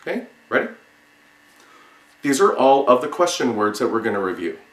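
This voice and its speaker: A man's voice: mid-range voice, big pitch swings. Man teaching in an echoey room. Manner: halting, explanatory, repeats single words with pauses. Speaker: sign language teacher. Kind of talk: instructional lesson, demonstrating word by word. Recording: roomy, echoing sound.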